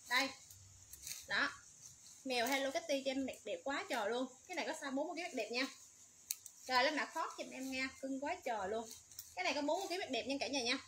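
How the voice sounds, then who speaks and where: A woman's voice: sits high, fairly bright tone, slight background noise. A woman running a livestream sale, rattling off product codes and prices in a repetitive sales patter. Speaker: livestream seller.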